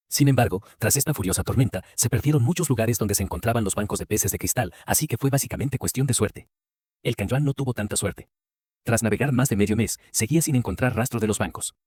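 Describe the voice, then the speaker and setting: A man giving a scripted first-person story narration with a brisk, even storytelling read. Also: fairly low pitch, husky, no echo, clean studio sound.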